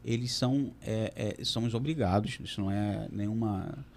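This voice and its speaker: A man representing a water utility, answering audience questions on a panel in a halting way, with many fillers and restarts. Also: fairly low pitch, darkish tone, a little hiss or hum.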